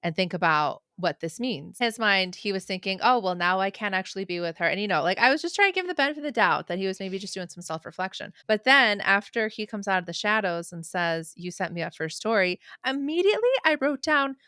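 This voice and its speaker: A woman's voice: mid-range voice, animated, fast talker, hardly any pauses, pushed and bright, clear, resonant tone, dry recording, studio quality. A woman in her thirties co-hosting a podcast, talking earnestly and bluntly about a movie. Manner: earnest, blunt, occasional swearing. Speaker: podcast co-host. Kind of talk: casual movie recap chat.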